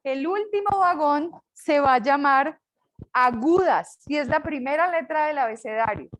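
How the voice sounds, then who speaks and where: An older woman from Colombia with a Colombian accent, teaching a class with a lively, joking manner. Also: high voice, unhurried, rough recording. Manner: lively, jokes with students. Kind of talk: online class lecture.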